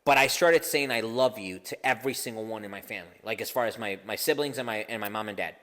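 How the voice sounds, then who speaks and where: A man's voice: lowish voice, fast, fairly bright tone, long reverb tail. A man co-hosting a casual podcast, talking in a loose, profane and laughing way with lots of restarts. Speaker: podcast co-host.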